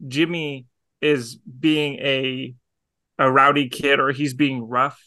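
A man co-hosting an education podcast, speaking in casual chat and pausing to rephrase his thoughts. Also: mid-range voice, flat delivery, pushed and bright, no echo. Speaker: podcast co-host.

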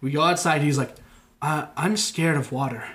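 Young male podcast co-host, rambling storyteller, slightly high voice, mimics people he quotes. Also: normal speed, a bit bright. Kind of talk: casual storytelling chat.

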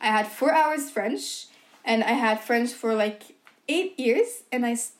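In a casual podcast chat, this young Belgian co-host who speaks Dutch fills her sentences with "like" and "um." She sounds a little high and expressive, taking her time.

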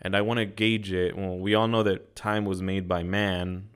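A man's voice: sits low, flat delivery, normal speed, clean tone. A man in casual podcast chat, emphatic and full of "like", with some swearing. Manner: emphatic, frequent filler "like", occasional swearing. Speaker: podcast co-host.

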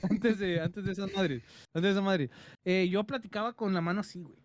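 A man's voice: high voice, steady tone, brisk. A man with a Mexican accent and a nasal voice, co-hosting a casual podcast, joking and laughing often. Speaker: podcast co-host.

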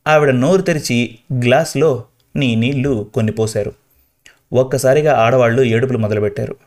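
A man narrating a first-person story in a quiet, even storytelling way. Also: medium pitch, normal speed.

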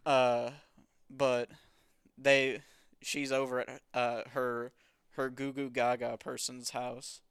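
A man's voice: mid-range voice, little pitch movement, slow, fairly bright tone, clear, resonant tone, dry recording, studio quality. A man hosting a podcast, casually recapping a comic in a wry, dismissive way. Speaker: podcast host.

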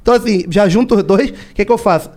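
A man, a stand-up comedian, in casual podcast chat, telling animated stories and often laughing. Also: high voice, very fast.

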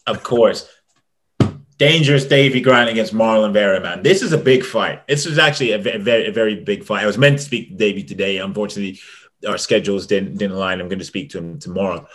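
Excitable man stumbling over his words. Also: lowish voice, quick pace. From England. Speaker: MMA journalist and podcast panelist. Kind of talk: casual podcast chat.

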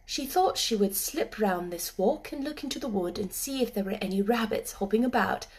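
A woman narrating a classic children's story in a gentle, measured reading voice. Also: mid-range voice. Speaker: audiobook narrator.

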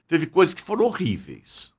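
A man's voice: fairly high pitch, huge pitch swings, moderate pace, slightly rough. An older man, an actor, chatting as a podcast guest in a frank, bawdy way. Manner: frank and bawdy, says "bicho" a lot. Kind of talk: candid podcast chat.

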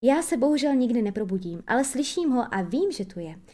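A woman voicing a calm, matter-of-fact young girl in a storybook reading, pitched up high and self-assured. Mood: breezy.

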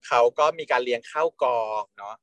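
A man's voice: mid-range voice, a little fast, a bit bright, no echo. Chatty man retelling drama, laughing. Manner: chatty, laughs often, blunt slangy storytelling. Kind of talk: casual gossipy recap of a TV series.

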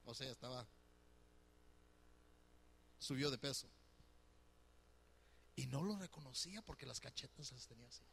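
A man's voice: mid-range voice, expressive, moderate pace, gravelly, long pauses, fairly bright tone, a little hiss or hum. A middle-aged man preaching a conversational sermon as pastor, teasing his listeners and putting questions to them. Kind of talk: sermon on marriage.

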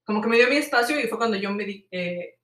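A woman's voice: mid-range voice, fast, echoey room, far from the mic. A woman telling travel anecdotes in a casual chat, full of fillers. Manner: animated anecdotes with many fillers. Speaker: storyteller in a chat.

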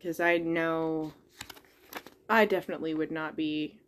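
A woman's voice: low voice, fairly even intonation, a little slow, slight background noise. A woman co-hosting a podcast, chatting about a book in a rambling, hesitant way with lots of fillers. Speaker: podcast co-host. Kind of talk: casual book-club chat.

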